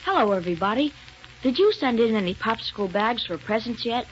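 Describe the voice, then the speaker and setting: A chirpy, excited all-American boy mascot, played by a man pitches frozen treats in a vintage radio ad. His voice sits a little high and bubbles with exclamations. The dull old broadcast carries a faint hiss. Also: fairly quick. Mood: eager. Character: cheerful American boy mascot, eager salesman. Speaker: commercial spokesman character. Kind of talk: 1930s radio commercial.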